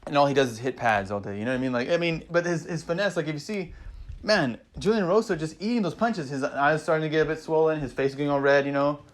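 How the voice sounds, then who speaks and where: Excitable man ranting about fights. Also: fairly high pitch, fast. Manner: excitable, rambling, swears freely, frequent "man" and "you know"; acts out fighters' thoughts in quoted asides. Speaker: MMA vlogger recapping fights. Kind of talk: casual fight recap.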